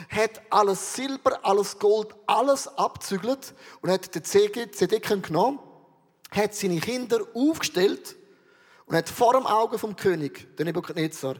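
A man's voice: sits high, in a large hall. A man preaching a sermon in a Swiss German accent, earnestly putting questions straight to his listeners. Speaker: pastor.

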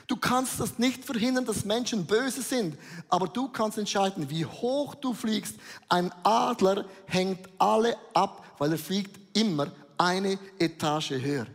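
A male preacher delivers a fervent sermon, throwing English catchphrases into his German. His voice sits high for a man. It rings out with a long reverb, as in a large hall or church. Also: a little slow.

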